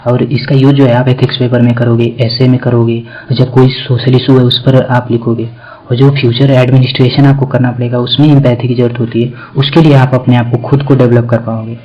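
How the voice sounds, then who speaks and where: A male coaching teacher delivers a motivational lecture, talking straight to his viewers in a loose, conversational way. His voice sits at an ordinary middle pitch. The recording is a little dull and lo-fi. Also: little pitch movement, a little fast. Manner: conversational, addresses viewers directly with repeated fillers. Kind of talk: motivational lecture to exam aspirants.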